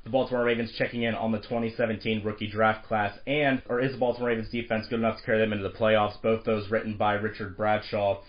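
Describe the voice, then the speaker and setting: Man, podcast host, raspy with a cold, low voice, slightly dull sound. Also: flat delivery. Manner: brisk, with frequent uh fillers. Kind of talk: sports podcast intro and discussion.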